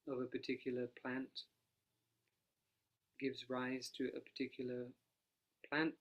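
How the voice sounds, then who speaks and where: A soft-spoken man, a monastic teacher, leads a meditation quietly and without hurry, his calm delivery even and nearly flat in pitch. No dedicated microphone is used.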